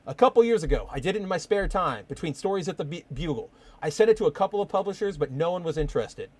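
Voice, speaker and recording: A man's voice: on the high side, animated, quick pace, no echo. A man reading aloud the lines of a reflective older male newspaper editor from a comic, in his own plain voice.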